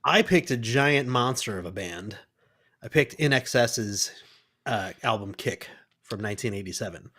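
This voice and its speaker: A man's voice: fairly low pitch, expressive, moderate pace, a bit bright. A man co-hosting a music podcast, teasing his co-host and running through facts in a casual, playful way.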